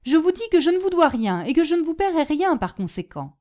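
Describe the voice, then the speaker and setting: A woman's voice: high-pitched, big pitch swings, fairly quick, a little mellow, pitched above the performer's own voice. A woman doing a plaintive bullied schoolboy. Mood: indignant. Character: frightened, bullied young schoolboy.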